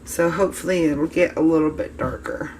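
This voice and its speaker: A woman's voice: sits low, fairly quick, a little mellow, slight background noise. A woman hosting a soap-making channel, chatting casually to viewers while she demonstrates and cuts her soap. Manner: chatty, addresses viewers as guys.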